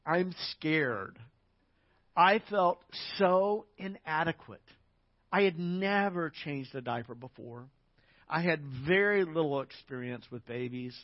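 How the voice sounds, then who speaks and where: A man preaching a storytelling sermon as pastor, talking conversationally with little anecdotes and fillers, then building up to louder emphatic passages. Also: fairly high pitch, no room sound, muffled recording.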